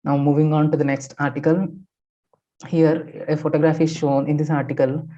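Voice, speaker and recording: A man's voice: a little high, level tone, normal speed, dark tone. A man, a sociology teacher explaining newspaper articles in a methodical lecture full of fillers and restarts. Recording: dull lo-fi sound.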